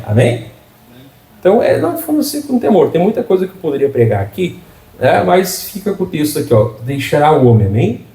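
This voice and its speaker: Middle-aged male pastor, folksy and joking, mellow tone, echoey church sound. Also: a little high, far from the mic. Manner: humorous, folksy preaching with frequent call-and-response. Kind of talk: sermon.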